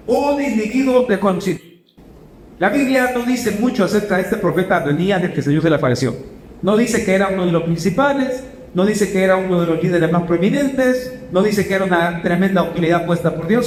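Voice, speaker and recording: A pastor with a bright, high voice preaches to his congregation, often turning to ask them questions. His phrasing speeds up and slows down as he goes. The sound carries a roomy church echo with a faint hum of ambience behind it. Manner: asks the congregation questions, shifts between quick and slow phrasing. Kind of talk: sermon. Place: church hall.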